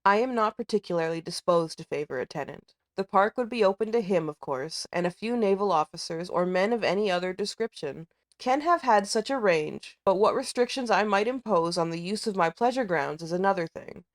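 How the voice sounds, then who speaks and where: A woman reading a storybook part as a proud, pompous, disdainful older gentleman. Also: medium pitch, expressive, fairly quick, close to an everyday voice. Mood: cool, haughty. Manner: pompous, formal.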